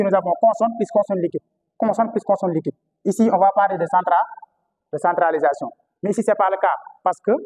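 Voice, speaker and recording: High-voiced Senegalese French teacher lecturing. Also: male voice, darkish tone. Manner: repeats key words, asks the class rhetorical questions. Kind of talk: classroom lecture on historical phonetics. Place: classroom. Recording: reverberant classroom.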